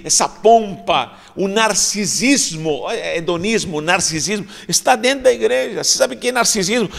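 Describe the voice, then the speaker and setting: High-voiced, gravelly man preaching in a hall. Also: a bit bright. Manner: fervent preaching with frequent praise exclamations. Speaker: pastor. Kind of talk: sermon. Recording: long reverb of a large hall.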